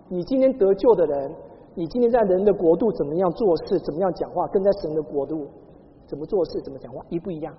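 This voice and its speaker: Lively woman preaching in an echoing hall. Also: on the low side. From Taiwan. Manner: lively storytelling with call-and-response to the congregation. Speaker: pastor. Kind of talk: sermon. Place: church hall. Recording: dull sound in a large echoing hall.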